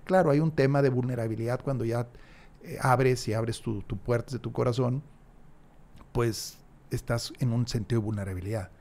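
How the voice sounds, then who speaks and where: Gravelly man in his sixties. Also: medium pitch, steady tone, normal speed, a little mellow. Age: 60s. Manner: reflective, emphatic, frequent restarts. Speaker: podcast guest. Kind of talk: casual interview chat. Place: small studio room. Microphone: large desk mic, headphones.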